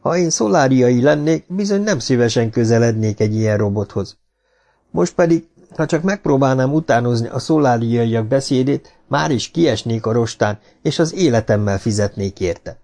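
A man reading an audiobook who voices a skeptical human starship captain asking quick, probing questions. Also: medium pitch, animated, a little mellow, natural voice.

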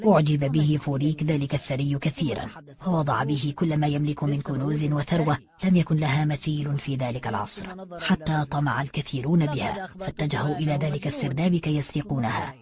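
A reader voicing an old male explorer recounting his manuscript in a solemn, low, hushed voice. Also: fairly even intonation, fast, crowd noise, close to an everyday voice.

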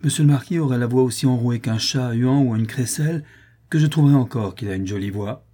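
A man's voice: medium pitch, a little fast, mellow, close to an everyday voice. A man voicing a faithful old male valet, fond and deferential, moved close to tears.

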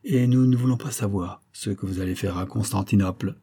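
A man reading aloud brings out a jovial Hungarian colonel who mocks his guest with easy confidence. The voice climbs above the reader's normal register and comes out louder. A husky, mellow texture stays underneath. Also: on the low side, brisk. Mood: jovial mocking. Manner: cheerful, taunting. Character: mocking Hungarian colonel, bold, jovial, teasing.

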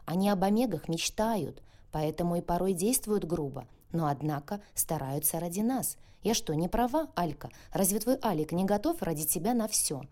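A woman reading an audiobook, voicing a lively, chatty young woman friend who talks in a bubbly, coaxing way. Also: on the low side, moderate pace, hardly any pauses, lightly acted. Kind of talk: audiobook character voice.

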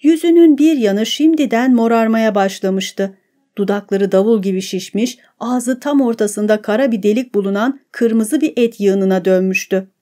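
A woman narrating an audiobook in a measured, steady reading. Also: on the high side. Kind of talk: scripted narration.

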